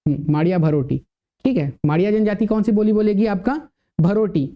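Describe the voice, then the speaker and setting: A man's voice: high voice, a little fast, muffled recording. A male teacher giving a classroom lecture, asking the class questions and answering them himself.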